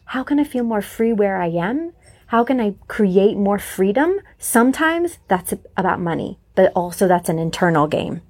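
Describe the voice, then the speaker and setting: A woman's voice: medium pitch, big pitch swings, normal speed, darkish tone. A woman answering in an interview, talking through her ideas in a reflective way. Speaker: interview guest. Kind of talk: conversational interview.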